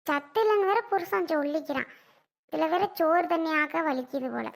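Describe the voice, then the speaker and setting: Woman doing a high, gravelly-voiced old mother-in-law, sarcastic and nagging, skit role. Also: animated. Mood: scornful. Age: older. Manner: nagging, sarcastic, drawn-out complaints. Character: scolding old village mother-in-law, sharp-tongued, boastful. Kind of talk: family comedy skit.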